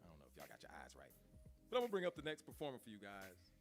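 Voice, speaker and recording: A man's voice: on the low side, wildly swooping pitch, rapid-fire, vocal fry, faint music behind. A man serving as MC, casually introducing performers with playful banter aimed at the audience. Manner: playful, joking, talks straight to the audience.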